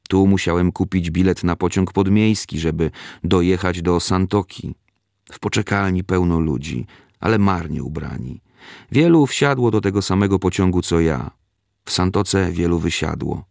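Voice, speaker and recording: A man reading a first-person memoir aloud in a measured, steady storytelling manner. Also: low voice, vocal fry, dry recording, clean studio sound.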